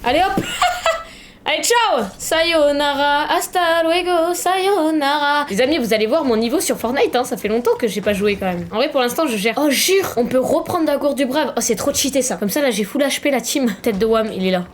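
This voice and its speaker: A young woman giving casual, slangy gaming commentary, excitable and swearing, with sudden loud shouts. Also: a little high, fast, few pauses, slight background noise. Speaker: gaming streamer.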